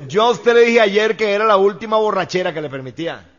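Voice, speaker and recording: Brief: furious scolding wife, put on by a man, bright voice, muffled lo-fi sound. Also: sits high, lively intonation, fast talker. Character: angry scolding wife, middle-aged. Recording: lo-fi dull recording.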